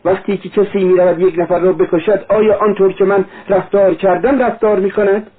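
A feverish, tormented young man, as a male reader voices him, talking in a raised, agitated voice. His tone is husky, and the recording sounds thin and lo-fi, like an old radio. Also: high-pitched, steady tone, voice pushed up.

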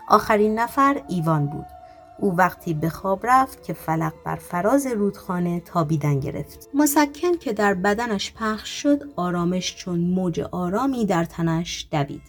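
A woman narrating an audiobook in a measured, even reading voice. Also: on the low side. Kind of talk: scripted narration.

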